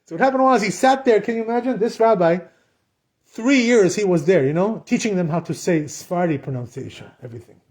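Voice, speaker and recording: A man's voice: high voice, lively intonation, brisk, a little mellow. A male rabbi telling a story in a lecture, chatty and often asking his listeners rhetorical questions.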